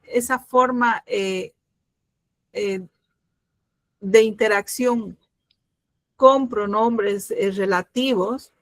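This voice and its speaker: In a dry recording, a middle-aged woman with a mid-range voice gives a grammar lesson. She explains things patiently, leans on fillers as she pauses, and keeps checking whether students are following.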